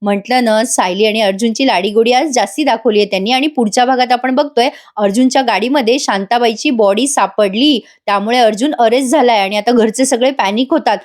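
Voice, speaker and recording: A woman's voice: on the high side, brisk, hardly any pauses, a little mellow. A woman doing a chatty voice-over recap of a TV serial, speaking directly to viewers. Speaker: TV serial reviewer.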